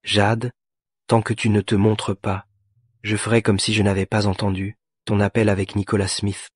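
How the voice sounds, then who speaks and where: A husky, cold young CEO. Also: male voice, on the low side, flat delivery, moderate pace, no room sound. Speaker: dub actor. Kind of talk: dubbed drama.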